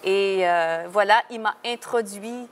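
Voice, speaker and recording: A woman's voice: mid-range voice, slow pace, a little hiss or hum. Chatty Québécois woman singer. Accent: Québécois French. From Quebec. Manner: chatty, frank, laughs easily. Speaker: singer guest. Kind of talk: casual interview.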